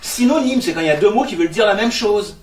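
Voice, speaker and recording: A man's voice: sits high, very fast, slight background noise, lightly acted. An actor playing an awkward, tactless man who stammers when flustered, heard on a stage. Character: awkward clumsy man, self-satisfied and tactless. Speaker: office worker and neighbour. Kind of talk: stage comedy acting. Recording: echoey stage sound from far off.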